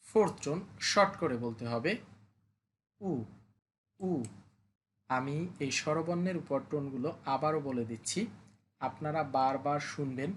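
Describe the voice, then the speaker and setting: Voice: mid-range voice, a little hiss or hum. A language teacher gives a recorded lesson, patiently modelling each sound and repeating it. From Bangladesh.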